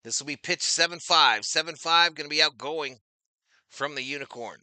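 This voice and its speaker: A man doing casual live-stream baseball play-by-play, chatting with viewers and getting loud on big plays. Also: on the high side, normal speed, dry recording.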